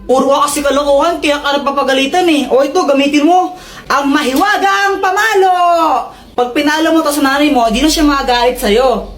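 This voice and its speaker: A woman's voice: high voice, fairly even intonation, fast, close to an everyday voice. Doktor Quack Quack, a woman doing a scolding duck doctor. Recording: echoey room with loud music.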